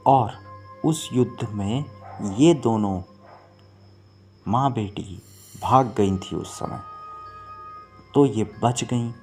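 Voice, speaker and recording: A man voicing a scheming female mermaid who is calm and vengeful, in a slow, hushed storytelling manner. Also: lowish voice. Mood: explaining.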